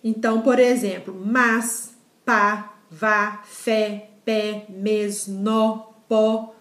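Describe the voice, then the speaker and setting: A woman's voice: medium pitch, flat delivery, drawn-out words, fairly bright tone, reverberant. A woman teaching a grammar lesson in a casual style, explaining step by step and often checking with the class. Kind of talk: casual lecture.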